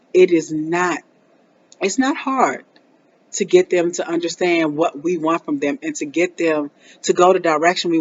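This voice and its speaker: A woman's voice: mid-range voice, muffled recording. A woman, talking casually to camera as a parenting vlogger and acting out little scenes with her daughter. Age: 40s. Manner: animated storytelling, acts out her daughter and herself.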